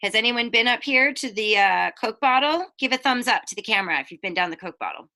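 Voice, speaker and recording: Reading fast in a fairly high voice, a woman teacher shares a picture book with children. Her expressive delivery is mixed with chatty explanations and questions aimed at her young audience.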